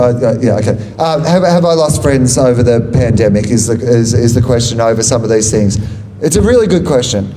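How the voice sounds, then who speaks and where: In a low-quality recording with a little hiss or hum, a man with a dark, mid-range voice speaks through a handheld microphone. A comedian and author, he's at a bookshop event before an audience, rambling about his book, taking questions, joking self-deprecatingly and laughing at his own lines.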